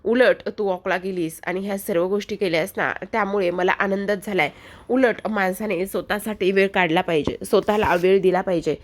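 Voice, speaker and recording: A woman voicing an affectionate mother-in-law who scolds softly and reassures. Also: medium pitch, fairly even intonation, moderate pace, natural voice.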